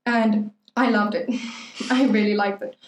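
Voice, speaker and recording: A young woman co-hosts a podcast in loose, playful chat, filling her sentences with "like". Her voice sits at a middle pitch. The room adds a noticeable echo. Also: steady tone, a little slow. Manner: rambling, playful, heavy on "like". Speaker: podcast co-host. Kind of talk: casual chat. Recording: roomy echo.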